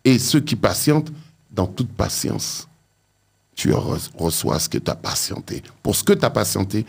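Gravelly deep-voiced man, emphatic. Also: very animated, moderate pace. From France. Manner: emphatic, repeats key words. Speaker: vodou priest. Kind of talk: radio studio interview. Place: radio studio. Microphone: studio mic with headphones.

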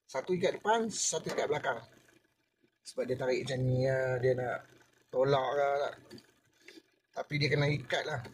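A man's voice: medium pitch, moderate pace, long pauses, slight background noise. An older man with a Malaysian Malay accent, a former deckhand telling a story in a casual, chatty way, speaking to the listener as to a younger person and acting out what others said.

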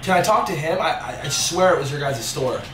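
A man's voice: fairly high pitch, expressive, brisk, distant mic. A man in his twenties making a casual prank phone call, slangy and rambling. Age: 20s. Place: living room, seated on a couch. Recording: roomy, noisy, off-mic room recording.

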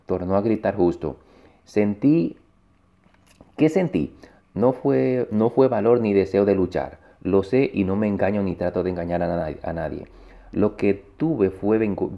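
A man's voice: sits low, vocal fry, lo-fi sound. A man reading a short story aloud in first person, stumbling and restarting words as he goes. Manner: halting read-aloud with frequent restarts. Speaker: reader.

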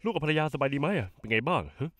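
A smug, scheming male in-law in a dubbed soap opera, mocking and taunting with a lively, swooping delivery. The voice sits a little high for a man. The sound is dry and close, with no room echo. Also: very fast.

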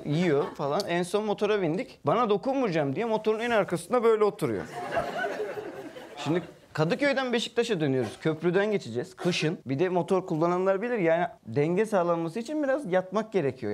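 Wry, animated male guest. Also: on the high side, slight background noise. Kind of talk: casual storytelling on a talk show.

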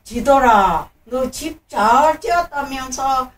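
Storybook elephant granny played by an elderly woman, curious and admiring grandma voice, unhurried, picked up from a distance. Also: high voice, animated. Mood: friendly, admiring. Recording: roomy, distant mic, faint noise.

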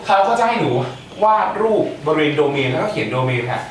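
A man's voice: a little high, very animated, brisk, a crowd in the background. Young man teaching math in an echoey room. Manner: playful, chatty, joking asides to students. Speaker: student tutor. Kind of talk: exam-prep math lecture. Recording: echoey room, mic far off, faint hiss.

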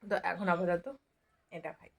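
A woman's voice: fairly low pitch, steady tone, normal speed, vocal fry, slightly rough. Chatty young woman with regional Bengali accent. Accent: regional West Bengal Bengali. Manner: chatty, addresses viewers directly with asides. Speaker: vlogger. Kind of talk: casual daily-life vlog narration. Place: home, moving between rooms and rooftop.

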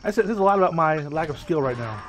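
A man playing an old computer game and chatting casually with a friend, excitable and laughing often. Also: on the high side, racing. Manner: excitable, laughs often, yelps when hit. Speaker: game player, co-host. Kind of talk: casual let's-play banter.

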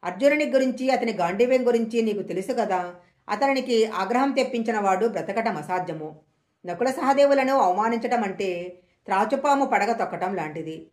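A stern, defiant queen from an old tale, read by a woman storyteller in her own voice. Her fairly high voice rings with a roomy echo. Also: expressive, moderate pace, a little mellow, natural voice. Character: proud queen warning her abductor, defiant. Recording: echoey room.

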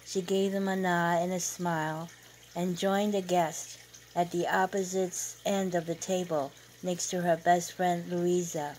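A woman narrating a story aloud in a calm, measured reading voice. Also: lowish voice, slight background noise, rough recording.

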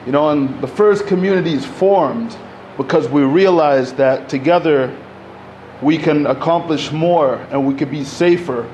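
The recording is poor, with slight background noise, as an Egyptian man in his thirties speaks a little slowly in a slightly high, darkish voice. Serving as a panel speaker at a community center podium mic, he talks conversationally, gesturing and leaning on "you know" and "like."

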